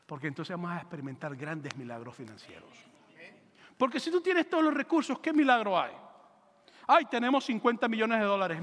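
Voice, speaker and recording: A man preaching a sermon as pastor, animated and joking, acting out quick voices for biblical characters. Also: high-pitched, long reverb tail.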